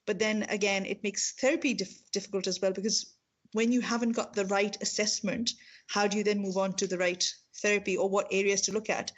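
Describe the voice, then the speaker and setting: Woman with a strong Pakistani accent. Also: medium pitch. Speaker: speech-language pathologist and university lecturer. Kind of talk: informal professional talk about own work.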